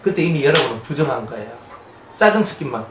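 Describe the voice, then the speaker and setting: A male pastor preaching an expository sermon, conversational and animated, often asking the congregation questions. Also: mid-range voice, fast talker. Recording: echoey room, mic at a distance, faint noise.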